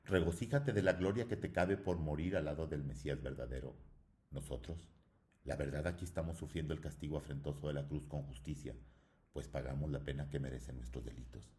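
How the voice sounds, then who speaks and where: A man voicing a repentant dying thief in a read-aloud story, slow, pained and pleading. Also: extremely low pitch, warm tone. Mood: sorrowful. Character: sorrowful repentant male thief on a cross.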